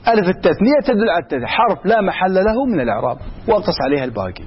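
A man's voice: high voice, big pitch swings, very fast, dull audio, a little hiss or hum. A man teaching grammar in a classroom, quizzing his students and repeating example after example. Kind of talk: classroom lesson.

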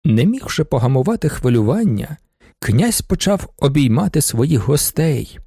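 A man's voice: on the high side, very animated, moderate pace, dark tone, breathy edge, no echo, studio quality. A man narrating a classic novel as an audiobook, reading expressively.

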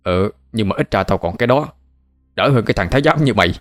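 A man voicing a blunt, rough middle-aged man who talks urgently and stammers when scared. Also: fairly low pitch, expressive, fast talker, soft background music, close to an everyday voice.

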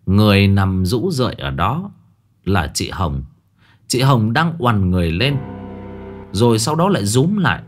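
A low-voiced man narrates a first-person ghost story with tense drama. His intonation swings widely, and soft music plays underneath. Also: big pitch swings, unhurried. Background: faint music.

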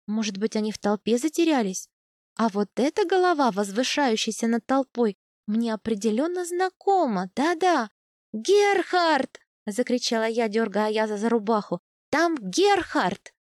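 A woman reads a first-person novel aloud in a lively, expressive voice that sits a little high. She narrates closely and steadily, and the sound is dry, with no room echo. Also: a little fast. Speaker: audiobook narrator.

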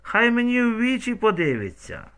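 Man doing a grief-crazed village woman, shrieking high and frenzied, audiobook. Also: big pitch swings, normal speed, fairly bright tone.

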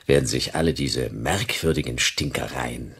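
An actor playing a stubborn private detective with a dry, sardonic manner in a radio drama. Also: male voice, rumbling low, moderate pace, gravelly, fairly bright tone, breathy edge, heavily acted.

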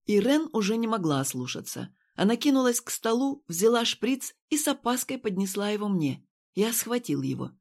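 A woman's voice: mid-range voice, very animated, normal speed, a little mellow. Woman reading an audiobook. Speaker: audiobook reader. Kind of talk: scripted narration.

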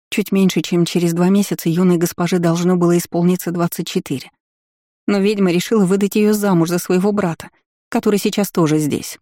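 A woman's voice: fairly low pitch, warm tone, dry recording, clean studio sound. A woman narrating an audiobook in the first person, in a wry, blunt storytelling manner. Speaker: audiobook reader.

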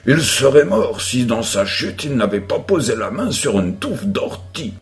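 Guy reading an audiobook, really slow, pitch moves around a lot. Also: soft background music. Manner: expressive, deliberate. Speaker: audiobook reader. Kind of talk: audiobook narration.

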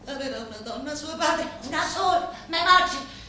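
Voicing a vengeful daughter whose parents were murdered, a Sicilian-accented woman confides in a boss during a dramatic monologue in Italian laced with dialect. Her high-sitting voice is animated and sharp, bitter and defiant, and her speech is halting and incantatory with many repeated words. Sound comes from a distant, echoey stage recording with faint noise.

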